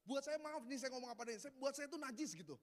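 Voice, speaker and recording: A man's voice: very high-pitched, expressive, fast talker. A man with an Indonesian accent preaching a sermon as pastor, telling humorous stories in casual slang. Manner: storytelling with humor and laughter, Jakarta slang. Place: church hall. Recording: long hall reverb.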